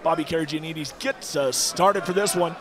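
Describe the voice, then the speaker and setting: A man's voice: on the high side, brisk, heavy background noise. A man giving live fight commentary as a commentator, with an emphatic delivery.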